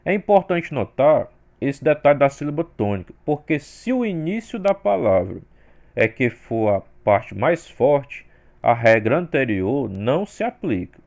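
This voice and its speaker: A Brazilian man with a medium-pitched, gravelly voice teaches an English grammar lesson. He walks through the rules step by step at an unhurried pace, very animated, and says the sample words louder.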